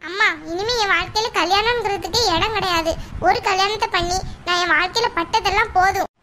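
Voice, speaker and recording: A woman's voice: extremely high pitch, brisk, pushed and bright, a little hiss or hum. A woman voicing a proud young divorced daughter who speaks firmly and reassures her mother, in a cartoon. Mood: defiant. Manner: firm, reassuring. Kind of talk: cartoon voice acting.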